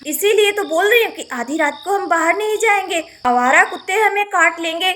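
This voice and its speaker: A cautious young village girl, as a woman voices her in a doll-play story. She speaks in a very high, bright voice. She is earnest and sensible. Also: expressive, normal speed, heavily acted. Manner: warning, sensible.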